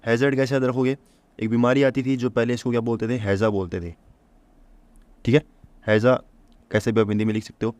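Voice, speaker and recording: A man's voice: mid-range voice, fairly even intonation, fairly quick, long pauses, a little mellow, dry recording. A man teaching a vocabulary lesson for exam prep. He keeps asking the listener rhetorical questions, answers them himself, and repeats each memory trick. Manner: repeats key points to drill memory tricks.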